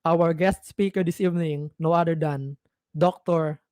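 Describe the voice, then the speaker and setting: A man hosting a church evening, formally and deliberately introducing the guest speaker. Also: on the high side, fairly even intonation, darkish tone, no room sound.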